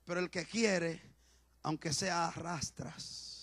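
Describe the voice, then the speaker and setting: A male pastor preaching a sermon with passion, swinging between shouts and hushed, quiet talk. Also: fairly high pitch, fairly even intonation, slow, vocal fry, breathy edge, no room sound.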